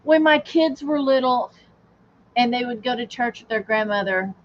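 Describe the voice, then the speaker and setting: A woman's voice: fairly high pitch, animated, moderate pace. A middle-aged woman co-hosting a casual livestream chat, joking and giggling as she talks. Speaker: co-host. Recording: dull lo-fi stream audio with faint hiss.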